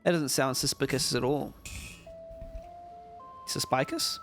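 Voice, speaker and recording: A man with a mid-range, slightly bright voice speaks slowly over faint background music. He's a streamer judging a game jam, playing and commenting casually in a sleepy, yawning state. His remarks come as wry, chatty asides.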